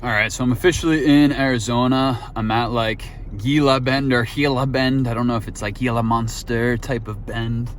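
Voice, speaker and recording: A man's voice: mid-range voice, steady tone, a little fast, hardly any pauses, slight background noise. A man vlogging casually from his car on a road trip, chatty and laid-back, swearing now and then. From Boston. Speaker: sneaker vlogger. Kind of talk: casual vlog narration.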